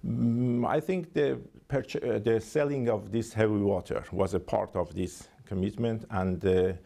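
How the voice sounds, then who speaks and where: A man with a Persian accent, speaking English as a second language, giving formal, halting interview answers as a diplomat. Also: fairly low pitch, steady tone, gravelly, warm tone. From Iran. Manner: halting, hesitant phrasing with frequent 'I mean'.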